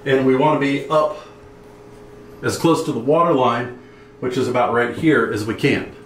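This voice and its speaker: A man's voice: mid-range voice, moderate pace, roomy sound, recorded from a distance, a little hiss or hum, poor audio. A man working on his sailboat's refit, explaining the plumbing and wiring step by step in a matter-of-fact way. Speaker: boat owner doing refit work. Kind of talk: casual explaining while working. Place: inside a boat under refit.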